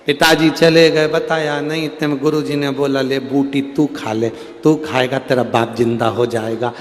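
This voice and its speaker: A man giving a devotional storytelling sermon at a large religious gathering, acting out the people in a folksy parable and swinging from loud to hushed. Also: mid-range voice, little pitch movement, normal speed, soft background music. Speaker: preacher. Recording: long hall reverb.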